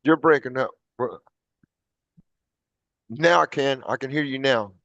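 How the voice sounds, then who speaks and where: A man's voice: medium pitch, measured pace, gravelly, fairly bright tone, no room sound. Man on a choppy, breaking-up video call. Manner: deferential, keeps saying yes ma'am. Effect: choppy video-call audio that keeps breaking up. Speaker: defendant on video link from jail. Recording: dull, dry video-call line.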